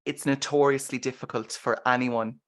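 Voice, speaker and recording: A man's voice: mid-range voice, fairly even intonation, moderate pace. Irish guy hosting a film podcast, chatty, recaps scenes. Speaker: podcast host. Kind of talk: casual film discussion.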